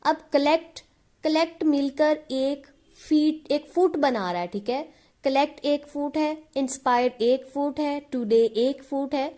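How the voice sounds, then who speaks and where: Woman, high-pitched voice, literature teacher, patient explaining, often checks understanding, slow deliberate definitions. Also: a little mellow. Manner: reads English definitions slowly and deliberately. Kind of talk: explaining lesson in Hindi with English terms.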